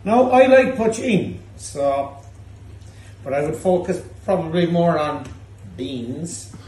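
In an indoor pub bar, a man in his thirties with a Cork Irish accent hosts a drink-tasting show, trading cheeky, teasing banter and swearing freely. His voice is a little high, expressive, slow, and somewhat mellow, picked up far from the mic in an echoey room with faint noise.

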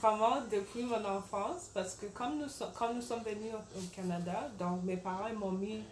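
A young woman from Congo speaking French with a slight English-tinged accent, an earnest, soft-spoken guest in an interview. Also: medium pitch, normal speed, echoey room, slight background noise, rough recording. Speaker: guest, singer.

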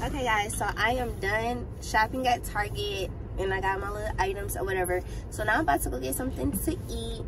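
A woman's voice: medium pitch, brisk, hardly any pauses, very noisy. Slangy, laid-back woman vlogging. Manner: laid-back, slangy, says "y'all" and "or whatever" a lot; blunt and brash when calling people out. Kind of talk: casual vlog chat to camera. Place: at home, eating while filming.

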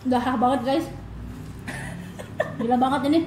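Woman, slangy exclamations, casual eating chat, higher pitch, echoey room. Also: steady tone, moderate pace, darkish tone. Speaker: mukbang video participant. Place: small hard-walled indoor room at a table. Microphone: camera a short distance away. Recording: echoey room with faint noise.

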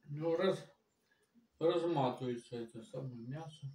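A man's voice: fairly high pitch, takes it slowly, echoey room, distant mic, noisy background. A man eating on camera and talking with his mouth partly full, mumbling casually between bites. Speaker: mukbang vlogger.

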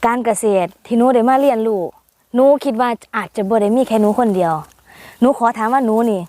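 A woman's voice: fairly high pitch, a little fast, dark tone, no echo. A young woman with an Isan accent, chatting playfully as a vlogger interviewing a farmer. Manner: playful, chatty, frequent polite particles. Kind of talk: casual chat.

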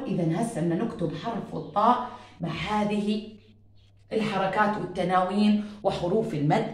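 Echoey Jordanian woman teaching children. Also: mid-range voice. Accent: Jordanian Arabic. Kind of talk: recorded first-grade lesson. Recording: very echoey room.

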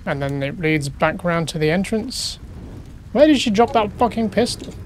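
Animated and high-pitched at a normal speed, a gaming YouTuber chats casually through a horror game let's play, muttering questions as he explores. A little hiss or hum sits in the recording.

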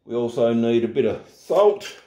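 An Australian man in middle age hosts a casual cooking tutorial in his home kitchen, relaxed and chatty and poking fun at himself. His voice is medium-pitched at a normal speed, and the room sounds echoey.

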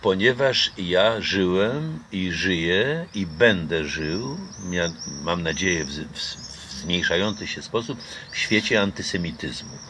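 An older man from Poland, low-voiced and unhurried with lively intonation, chats in a casual outdoor interview on a garden patio. He thinks out loud, hesitating through many fillers and restarts. The nearby camera picks up background noise.

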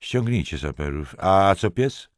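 A man voicing a cool, sharp police lieutenant who gives curt, measured replies. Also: low voice, expressive, no echo, clean studio sound.

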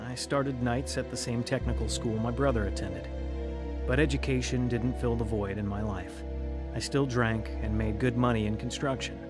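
Music sits behind a steady, natural, mid-range male voice at normal speed. He is the narrator and lead actor in a radio drama, earnestly giving first-person testimony as a troubled young man who is searching, in a somber, reflective mood.

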